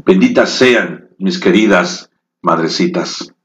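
Male preacher, low voice, slow heartfelt sermon delivery, roomy muffled recording. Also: a little hiss or hum. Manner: slow, emotive storytelling with rising dramatic peaks. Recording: echoey, dull lo-fi room.

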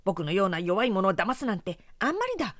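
A woman's voice: expressive, fast talker, a bit bright, dry recording, studio quality. Woman doing a whiny cheeky little mouse. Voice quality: high whiny voice. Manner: petulant, condescending. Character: small cheeky male mouse, whiny and ungrateful.

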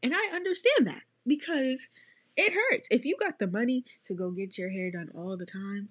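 A young woman chatting casually to camera as a vlogger, animated and laughing often, with lots of "like"s. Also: mid-range voice, normal speed, slightly rough. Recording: faint music behind.

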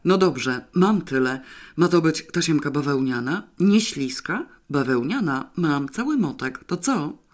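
A man reading an audiobook, voicing a practical female secretary who answers in a measured, questioning way. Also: fairly high pitch, animated. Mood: puzzled.

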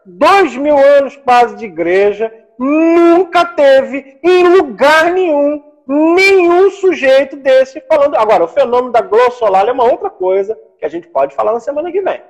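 A man's voice: very high-pitched, lively intonation, normal speed, rough recording. A man, co-hosting a casual theological discussion, explaining in a mildly ironic way. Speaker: podcast co-host, theology teacher.

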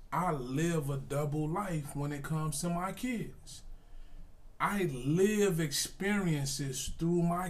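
A man in casual chat who speaks emphatically and repeats his points. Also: on the high side.

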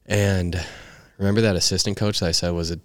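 A young man, a baseball player, casually telling his story as a podcast guest, animated and swearing freely. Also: low-pitched, fairly quick, dry recording, clean studio sound. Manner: animated, swears freely, acts out quoted voices.

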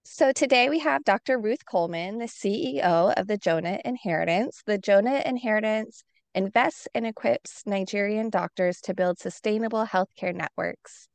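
A woman's voice: mid-range voice, moderate pace, vocal fry. Enthusiastic woman hosting a podcast. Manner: enthusiastic, warm praise with fillers. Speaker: podcast host. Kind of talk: casual podcast intro and interview.

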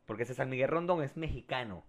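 A man's voice: medium pitch, quick pace, a crowd in the background. A man with a Venezuelan accent, co-hosting a podcast and telling stories in slangy casual chat. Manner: slangy and animated storytelling. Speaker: podcast co-host.

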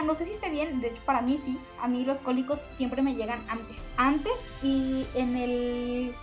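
Young woman, Mexican accent, high voice, casual slangy chat, faint music underneath. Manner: emotional, animated storytelling with slang.

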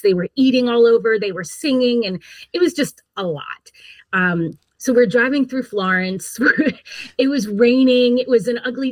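A woman's voice: medium pitch, no room sound. Woman in her 40s, podcast guest, candid storytelling, laughs at herself, dry close sound.

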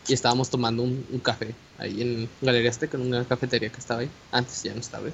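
A young man with a Mexican Spanish accent telling a personal story in casual chat, animated and slangy, with many fillers and restarts. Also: medium pitch, racing, vocal fry. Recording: dull lo-fi audio with faint hiss.

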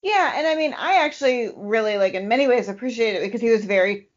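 A podcast co-host tells stories in a fast, animated, fairly high voice, chatting casually and dropping "like" constantly. The podcast audio is dull and lo-fi.

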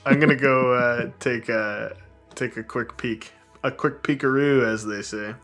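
A man playing a tabletop game, taking his time over every word and pausing with little laughs. His delivery is slow and unhurried. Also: medium pitch, fairly even intonation, a bit bright, soft background music. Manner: slow, hesitant, laughs between words. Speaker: player. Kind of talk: tabletop role-play chat.

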